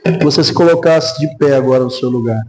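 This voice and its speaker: A man's voice: mid-range voice, a little fast, poor audio. A man with a Brazilian Portuguese accent, a pastor preaching a sermon in a church, telling a testimony with acted-out voices and leading a prayer. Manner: animated storytelling, acts out quoted voices. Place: church sanctuary.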